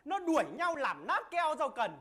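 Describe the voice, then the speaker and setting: A woman playing a cheeky young male clown servant in a Vietnamese folk-opera comedy, teasing with quick retorts and frequent laughter. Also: high-pitched, very animated.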